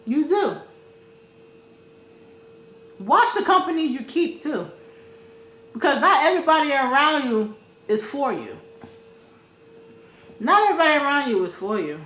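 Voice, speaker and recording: A woman's voice: high voice, sing-song, unhurried, long pauses, a bit bright, roomy sound. A woman vlogging her opinions in a blunt, profane way, repeating her points for emphasis. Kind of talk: casual opinion rant.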